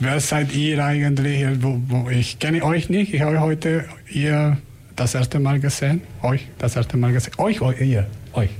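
A man with a foreign accent, not a native German speaker, hosting a casual radio chat and often repeating and rephrasing his words. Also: medium pitch. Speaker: radio host.

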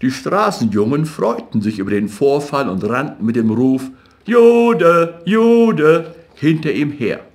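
A man reading literary fiction aloud as an audiobook narrator in a measured, even way. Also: mid-range voice.

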